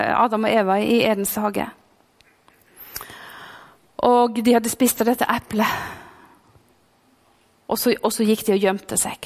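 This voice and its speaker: A woman preaching a sermon with a mix in her speech, fervent, swinging between loud calls and hushed whispers. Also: fairly high pitch, vocal fry. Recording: long hall reverb.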